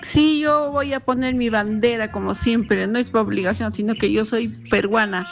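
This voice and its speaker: Slow-speaking woman caller from Arequipa. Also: fairly high pitch, fairly even intonation, gravelly. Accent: Arequipa Peruvian. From Arequipa, Peru. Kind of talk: voice message.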